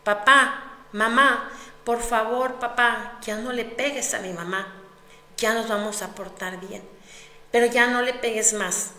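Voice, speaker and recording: A woman's voice: fairly high pitch, steady tone, a little slow, sharp tone. A woman voicing a frightened young child who desperately begs, in a roomy space with long reverb. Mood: pleading. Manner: pleading, desperate. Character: frightened young child begging father to stop. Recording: roomy echo with long reverb, faint noise.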